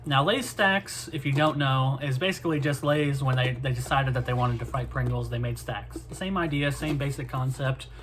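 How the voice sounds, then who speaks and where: A man's voice: medium pitch, normal speed, hardly any pauses, a bit bright, faint music behind. A man gives a casual, rambling food review, hedging as he goes. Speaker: snack reviewer.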